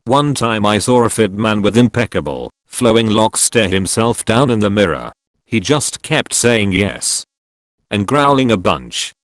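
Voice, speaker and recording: Man, scripted narration, fairly low voice, even matter-of-fact delivery, dry studio sound. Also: unhurried, no room sound. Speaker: narrator reading online posts.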